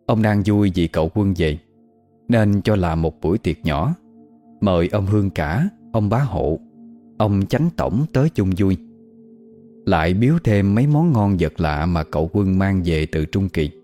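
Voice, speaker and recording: A man narrates a scripted horror tale at a steady, measured pace. His voice is very deep and dark, and soft music plays faintly underneath. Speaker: storyteller.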